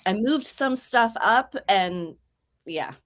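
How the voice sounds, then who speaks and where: Hosting a writing stream, this young woman talks in a relaxed, chatty way. Her storytelling is lively, her quoted speech is performed with large pitch jumps, and she takes her time.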